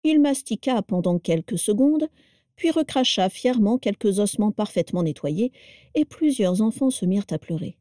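A woman narrating a story in a calm, steady audiobook reading. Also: mid-range voice, moderate pace, no room sound, clean studio sound.

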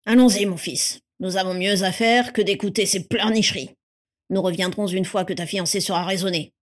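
A man's voice: sits high, fairly even intonation, moderate pace, close to an everyday voice. A woman voicing a cold, domineering older man who talks down to the family and makes threats. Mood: dismissive. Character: cold domineering pure-blood patriarch. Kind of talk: audiobook character reading.

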